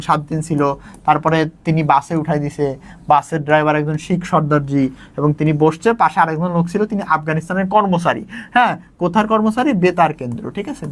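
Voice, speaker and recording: Fast-talking tutor, man. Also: fairly high pitch. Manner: casual, talks quickly, checks in with students often. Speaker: teacher. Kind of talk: exam lesson explaining a Bangla story.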